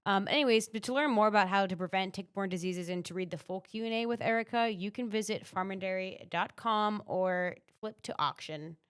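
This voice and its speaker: A woman's voice: mid-range voice, a little fast, few pauses, smooth. A woman in her twenties sharing farm news in a chatty, casual way with easy fillers. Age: 20s. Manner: chatty, laughs easily, lots of fillers. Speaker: newspaper reporter co-hosting a news rundown. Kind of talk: casual news rundown chat.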